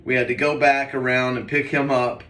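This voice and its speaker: A man recounts a dream in a hazy, puzzled manner, rambling casually and hesitantly. His medium-pitched voice sits away from the microphone, with the room's echo clearly around it. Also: little pitch movement, normal speed, a bit bright. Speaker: vlogger. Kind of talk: casual, rambling first-person storytelling. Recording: roomy echo, distant mic.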